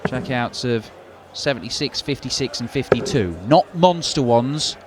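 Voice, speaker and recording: A man's voice: mid-range voice, a little slow, very noisy. Guy commentating on darts, chatty, short stacked phrases, crowd going behind him. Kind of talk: live sports commentary, conversational.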